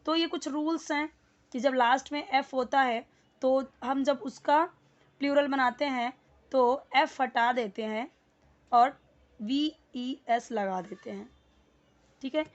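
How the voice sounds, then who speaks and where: A woman's voice: high voice, slow pace, long pauses, muffled recording. A woman teaching English in Hindi, repeating words and explaining them patiently with many fillers.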